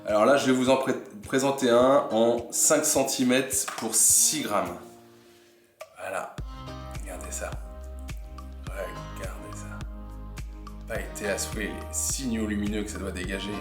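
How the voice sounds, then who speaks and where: A man hosting a casual unboxing vlog, chatting admiringly about what he shows and often dropping to a soft murmur. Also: fairly low pitch, steady tone, a little slow, long pauses. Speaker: fishing channel host. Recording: echoey room with faint music.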